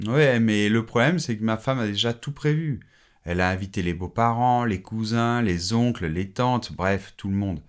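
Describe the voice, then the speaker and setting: A man's voice: on the low side, normal speed, lightly acted. A man playing an anxious young father pleading with a coworker in a scripted French lesson dialogue. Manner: pleading, apologetic.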